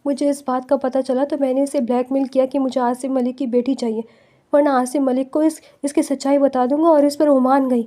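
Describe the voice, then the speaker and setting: A woman's voice: high voice, flat delivery, mellow, natural voice. A woman reading the lines of a scheming young man who confesses in tears in an audiobook novel. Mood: tearful. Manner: pleading, tearful confession.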